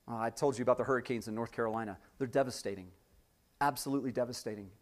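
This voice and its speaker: A man's voice: medium pitch, very fast. Conversational man preaching a sermon. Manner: conversational preaching, frequent rhetorical "right?". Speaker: pastor. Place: church sanctuary before a congregation.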